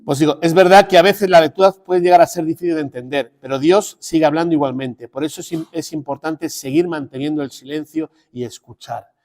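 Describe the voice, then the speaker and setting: Man, parish priest, slightly high voice, conversational teaching, digressive asides. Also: steady tone, a little fast, hardly any pauses, a little mellow. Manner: conversational and digressive, with restarts and direct asides to listeners. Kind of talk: parish formation talk.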